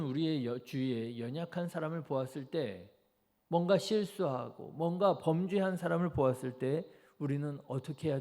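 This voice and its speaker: A man's voice: fairly high pitch, mellow. A man preaching a dawn service sermon as pastor, asking the congregation questions as he goes. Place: church sanctuary.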